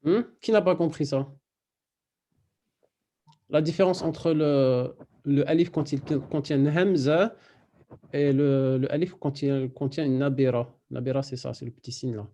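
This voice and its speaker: A man teaching a Quran recitation class online, patiently explaining step by step and repeating words slowly. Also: mid-range voice, steady tone, dark tone.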